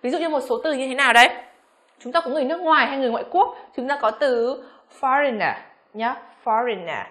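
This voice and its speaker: Woman, pronunciation teacher, bright slightly high voice, quizzes the class and models each word slowly. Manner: addresses learners as "các em", frequent rhetorical questions; slows down to model English words slowly. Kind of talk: classroom-style pronunciation lesson.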